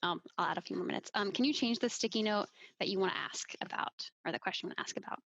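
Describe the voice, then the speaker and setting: A woman's voice: medium pitch, very fast, vocal fry, fairly bright tone, no echo. A woman hosting a workshop on a video call, upbeat and chatty as she moves the discussion along. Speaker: session host.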